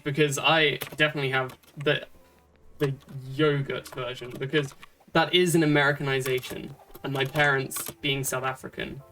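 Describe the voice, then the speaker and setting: A streamer from Britain giving casual commentary while playing a game, chatty and thinking out loud with many fillers and restarts. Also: mid-range voice.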